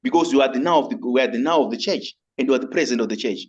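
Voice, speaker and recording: During a webinar, a man with a Zimbabwean accent makes an audience comment as a migrant rights advocate. His mid-range voice comes through on dull audio, and he speaks earnestly but haltingly, frequently repeating and rephrasing himself.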